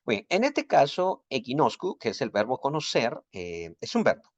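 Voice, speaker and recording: A man's voice: medium pitch, huge pitch swings, normal speed, no room sound, lo-fi sound. A man teaching a recorded Bible Greek lesson, explaining grammar rules patiently and methodically.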